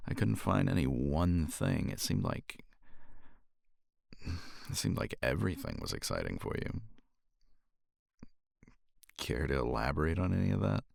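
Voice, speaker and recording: Close to the mic with no room sound, a man plays a cocky, flirtatious competitor in an intimate romance ASMR roleplay. His very deep, gravelly, husky, breathy voice is exaggerated as he murmurs teasingly and unhurriedly, with sighs and pauses.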